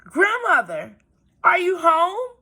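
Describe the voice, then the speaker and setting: A woman's voice: extremely high pitch, huge pitch swings, slow, sharp tone, voice pushed up, exaggerated voice. A woman voicing a naive, trusting little girl in a children's storybook, earnest and innocent. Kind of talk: children's storybook read-aloud.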